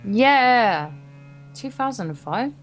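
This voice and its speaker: A woman's fairly high, lively voice takes its time reading a visual novel's narration aloud in a relaxed let's play, with the odd stumble. She's the guest co-player, and the game's guitar music sounds in the background.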